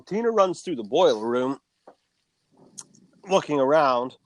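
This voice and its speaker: A man's voice: mid-range voice, dry recording. A man co-hosting a podcast, casually recapping a horror film plot and swearing freely.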